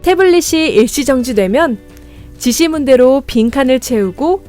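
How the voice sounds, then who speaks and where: A woman's voice: high-pitched, expressive, normal speed, a little mellow, faint music behind. A woman narrating a scripted study tutorial in a friendly, encouraging manner, speaking directly to students. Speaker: lesson guide.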